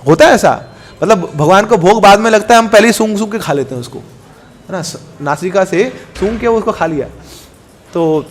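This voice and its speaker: A man preaching a devotional sermon, telling a story in an animated, conversational way and asking his listeners questions. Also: sits high, normal speed. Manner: animated, conversational, asks the audience.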